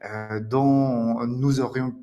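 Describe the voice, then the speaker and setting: A man's voice: mid-range voice, fairly even intonation, extremely slow, warm tone, lo-fi sound. A French man teaching a live online lesson, friendly and laughing often, with a French accent. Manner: friendly, laughs often, many "d'accord?" and "alors". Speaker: French teacher hosting a webinar.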